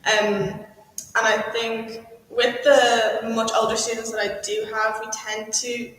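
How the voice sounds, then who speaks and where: A woman's voice: a little high, flat delivery, slow, a bit bright, a little hiss or hum. Casual woman piano teacher in an echoey hall. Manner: casual, conversational, says "like" often. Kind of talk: panel discussion. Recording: echoey hall with long reverb.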